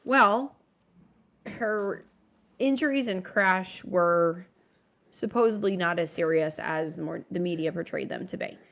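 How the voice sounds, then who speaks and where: A woman's voice: on the low side, measured pace, creaky, a bit bright. A woman co-hosting a podcast, leading the talk and going through her researched notes in a casual, filler-heavy way. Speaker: podcast co-host leading the episode.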